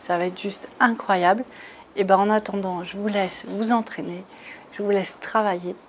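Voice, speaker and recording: A woman with a mid-range, fairly even voice speaks at a normal pace over slight background noise. As a spiritual retreat leader, she guides participants through a meditation, coaxing and soothing them step by step and often checking in with her listeners.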